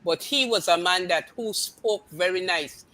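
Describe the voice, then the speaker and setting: Older Belizean Creole-accented woman, very bright, forceful voice, insistent and repetitive in casual chat. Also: fairly low pitch, a little slow. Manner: emphatic, insistent, repeats phrases.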